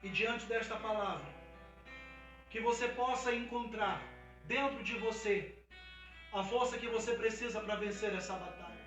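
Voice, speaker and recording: A man's voice: high voice, normal speed, roomy sound, recorded from a distance, faint music behind, rough recording. A man with a Brazilian Portuguese accent preaching an emphatic sermon as a pastor at a livestreamed church service. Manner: emphatic preaching that builds to a fervent, loud climax.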